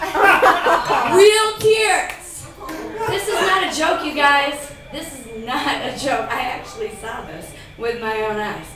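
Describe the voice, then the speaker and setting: A woman's voice: high voice, lively intonation, slow pace, crowd noise. A young woman performing a profane stand-up comedy set, laughing through her punchlines. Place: comedy club stage with live audience. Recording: echoey room, distant mic, audience noise.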